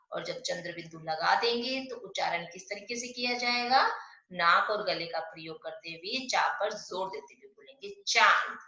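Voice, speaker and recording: A woman teaching an online Hindi class to young pupils. She explains step by step, asks questions and answers them herself, and slows down to stress the sounds of example words. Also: mid-range voice, bright, forceful tone. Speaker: primary school Hindi teacher. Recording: echoey, dull lo-fi room sound.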